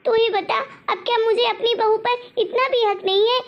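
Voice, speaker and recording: A woman voicing an anxious elderly mother-in-law in an animated family story, wailing and calling on God. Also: extremely high pitch, normal speed, dull audio. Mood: pleading.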